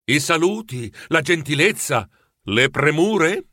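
A man narrating a storybook in an expressive, animated way. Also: fairly high pitch, slow, no echo, studio quality.

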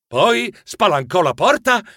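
Lively male audiobook narrator, high and very expressive pitch, soft music behind. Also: measured pace, dry recording, clean studio sound. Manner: animated, dramatic.

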